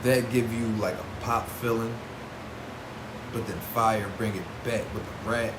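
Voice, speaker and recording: A man's voice: medium pitch, fairly even intonation, unhurried. A man giving casual vlog commentary as a host, in informal, slangy speech with emphatic repetition. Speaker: host reviewing battle rap artists. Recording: roomy echo with clear background noise.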